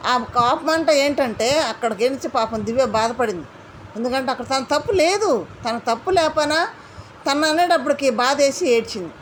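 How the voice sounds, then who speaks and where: A woman recapping a reality show in an indignant, animated commentary, mimicking the housemates she quotes. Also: high-pitched, normal speed, a little hiss or hum.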